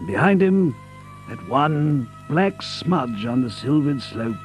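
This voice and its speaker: An actor playing an earnest, loyal gentleman doctor in an audio drama, proper and easily astonished. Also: medium pitch, sing-song, takes it slowly, faint music behind. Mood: sombre narration. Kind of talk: audio drama acting and narration.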